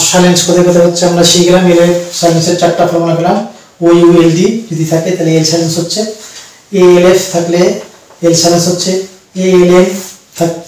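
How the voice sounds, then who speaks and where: A man teaching an English pronunciation lesson, patiently explaining step by step and repeating words slowly for learners. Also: on the high side, darkish tone, slight background noise. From Bangladesh. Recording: very echoey room, mic at a distance.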